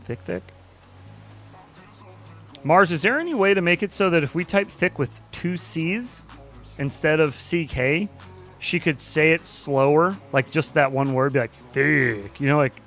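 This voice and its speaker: Upbeat guy streamer with a higher voice, loose chatty talk, some cussing. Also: normal speed, soft background music. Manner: excitable, swears casually. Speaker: livestream host. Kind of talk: casual live-stream chat.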